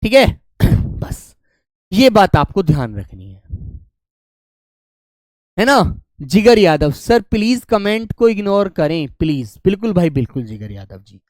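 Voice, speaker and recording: A man teaching an online grammar class, fondly calling his students "beta" and repeating key words slowly for them to write down. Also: sits high, sing-song, dry recording. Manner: affectionate, calls students "beta" and "my dear children".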